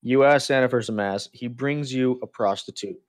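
A man with a mid-range voice chats in a loose, comedic way, often restarting his sentences as he riffs. He sounds animated and playful. The recording is dry and close, with no room echo. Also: mid-range voice, moderate pace. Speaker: podcast co-host. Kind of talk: casual comedic chat.

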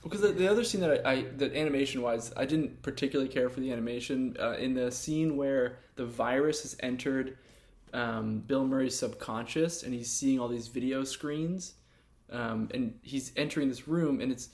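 A man's voice: medium pitch, moderate pace, darkish tone. A man chatting casually as a co-host on a film discussion show. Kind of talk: casual chat.

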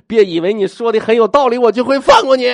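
A man's voice: very high voice, quick pace, voice pushed up. A man voicing a fierce young wife who scolds shrilly. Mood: scolding.

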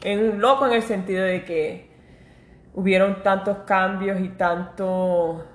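A woman's voice: mid-range voice, fairly even intonation, slow. A woman co-hosting a podcast in casual chat, telling her story with animation and laughs, and now and then mixing in English words. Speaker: podcast co-host. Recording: roomy echo.

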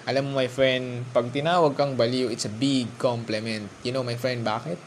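A man's voice: medium pitch, fairly even intonation, moderate pace, a little hiss or hum. A man giving a casual motivational talk alone in his room, switching freely between Tagalog and English and addressing the listener directly. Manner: chatty, mixes Tagalog and English, talks straight to the listener. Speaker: vlogger.

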